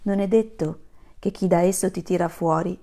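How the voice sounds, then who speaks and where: A woman voicing a tearful, wise cow who states the moral of a children's fable in a soft voice. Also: lowish voice, fairly even intonation, moderate pace. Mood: sad.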